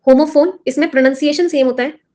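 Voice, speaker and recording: Her high-pitched, darkish voice moves fairly quickly as this exam-prep English teacher runs a classroom vocabulary session. She explains the terms in Hindi and keeps quizzing the students throughout.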